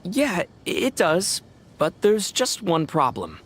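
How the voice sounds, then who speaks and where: A woman voicing a calm young woman traveler with a dry, gently teasing manner, in video game dialogue. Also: fairly low pitch, takes it slowly, background noise, exaggerated voice. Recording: game audio with faint music.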